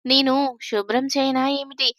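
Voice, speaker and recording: A woman voicing a gentle, bearded grown man who teases kindly and laughs easily. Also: sits high, fairly even intonation, normal speed, dry recording, studio quality. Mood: gentle amused.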